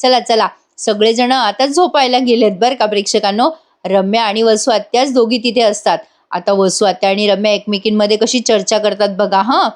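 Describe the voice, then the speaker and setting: A woman's voice: mid-range voice, fairly even intonation, normal speed. A woman giving a chatty voice-over review of a TV serial episode, addressing her viewers directly and teasing them.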